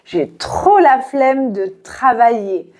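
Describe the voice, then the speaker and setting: Slow, high-voiced woman teaching French. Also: expressive, a little mellow. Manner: clear, deliberate, with playful example phrases. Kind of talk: quiz-style language lesson.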